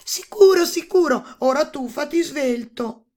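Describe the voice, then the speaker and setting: A woman's voice: fairly high pitch, expressive, a bit bright, pitched above the performer's own voice. A woman voicing a spoiled, impatient young princess in a storybook reading. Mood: eager. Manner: eager and quick to promise.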